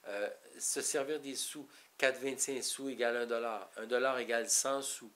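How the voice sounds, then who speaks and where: A man's voice: medium pitch, fairly even intonation, normal speed, a bit bright. A man with a Québécois French accent giving an informal, rambling talk to parents, explaining step by step with frequent restarts. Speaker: parenting educator.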